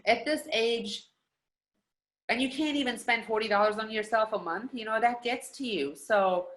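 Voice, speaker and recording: A woman's voice: a little high, normal speed. Earnest woman in her forties, stuffy voice. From Germany. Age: 40s. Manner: earnest and steady, telling her story. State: stuffy from allergies. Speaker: guest. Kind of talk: personal story on a video call.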